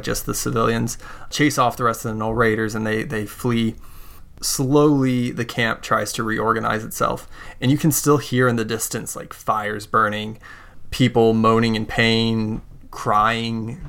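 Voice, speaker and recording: A man's voice: medium pitch, gravelly, fairly bright tone. A man hosting a podcast as game master, narrating in a casual, conversational way.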